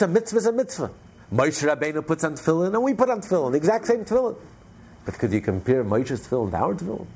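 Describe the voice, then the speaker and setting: A man's voice: a little high, darkish tone, breathy edge. A man telling a Torah story in a storytelling lesson, repeating and stressing his points. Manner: repetitive, emphatic storytelling with many restarts. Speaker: Torah teacher.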